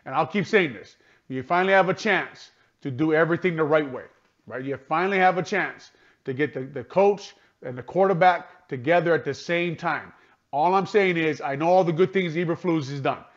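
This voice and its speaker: A man's voice: a little high, normal speed, dull audio. A man giving postgame radio analysis, sounding frustrated, repeating himself and restarting sentences as he talks. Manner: frustrated, repetitive, restarts often.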